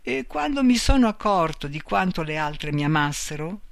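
A man reading aloud and voicing a male robot double who speaks in a calm, tender, pleading way. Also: fairly high pitch, normal speed, vocal fry, no echo. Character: gentle male robot double, soft-spoken and loving.

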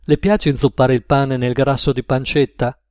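Man doing a soft, courteous camp cook. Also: medium pitch, flat delivery, normal speed, dry recording, natural voice. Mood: gentle. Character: gentle, overly polite man, a soft-spoken camp cook.

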